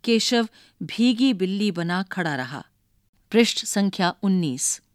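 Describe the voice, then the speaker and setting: A woman reading a children's story aloud, narrating in a measured way and announcing page numbers. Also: mid-range voice, animated, dry recording, clean studio sound.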